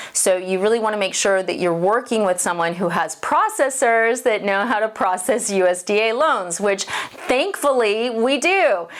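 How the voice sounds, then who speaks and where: Woman loan officer, chatty and emphatic, talking straight to viewers, a bit short of breath from a cold. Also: medium pitch. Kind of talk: casual explainer video.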